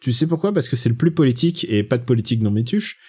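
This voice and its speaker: Chatty man with a dark voice. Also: mid-range voice, sing-song, fast, slightly rough. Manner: chatty, digressive, with frequent restarts. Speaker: podcast host. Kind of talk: casual film chat.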